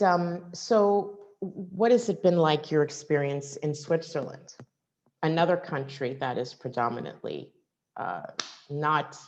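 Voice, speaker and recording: A woman hosts a relaxed conversation, asking curious questions with small hesitations. Her voice sits very low for a woman. The sound is muffled and lo-fi, as from a video call. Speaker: interview host. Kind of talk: casual interview conversation. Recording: muffled lo-fi audio.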